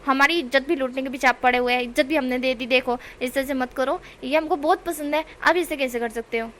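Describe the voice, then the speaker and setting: A woman voicing a whiny young man who loudly and melodramatically pleads for a lower price in a told story. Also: brisk, slight background noise. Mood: shouting, pleading.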